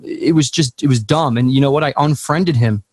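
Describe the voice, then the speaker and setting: A man's voice: medium pitch, normal speed, a little hiss or hum. A man co-hosting a casual music podcast chat, telling stories in a frank, profane way. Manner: profane, animated storytelling.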